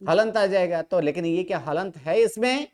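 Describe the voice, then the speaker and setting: Classroom teacher, smooth clear voice, mid pitch, quizzes constantly, repeats answers back. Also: normal speed, a little mellow. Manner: quizzing students with constant questions. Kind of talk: classroom Sanskrit grammar lecture.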